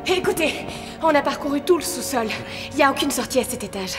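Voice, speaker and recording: A hunted woman in a film drama. Her voice is a little high, with guarded, bitter earnestness. It carries a slight hall reverb over clear music. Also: expressive, quick pace. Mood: bitter, resigned. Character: hunted, resigned woman, former fiancée of a madman. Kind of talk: dubbed film drama dialogue.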